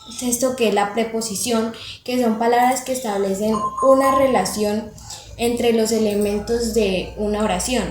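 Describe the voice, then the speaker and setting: A young woman reading a class presentation, listing examples in a slow, measured way with hesitant fillers. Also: a little high, fairly even intonation, music in the background. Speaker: student presenter. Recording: echoey room, faint background noise.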